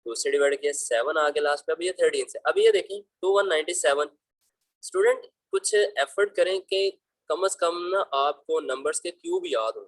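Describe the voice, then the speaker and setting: Walking students through math problems on slides one step at a time, this fatherly teacher speaks at a moderate pace in a fairly high voice. He stays patient and affectionately addresses them as "beta," captured in a dry, rough recording.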